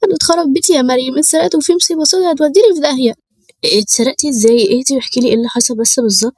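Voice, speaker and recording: A woman's voice: on the high side, fairly even intonation, racing, husky, no room sound. A woman voicing a panicked young woman with an Egyptian accent who has been robbed, pleading through tears. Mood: distraught. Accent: Egyptian Arabic. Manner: tearful, breathless pleading.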